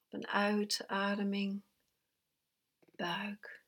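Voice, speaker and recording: A woman guiding a breathing meditation, with slow, soft, calm instructions that at times sink to a whisper. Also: mid-range voice. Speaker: meditation guide.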